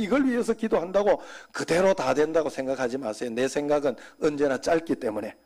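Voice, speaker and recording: A man preaching a sermon as senior pastor, talking conversationally and dropping suddenly to soft, quiet asides. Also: fairly high pitch.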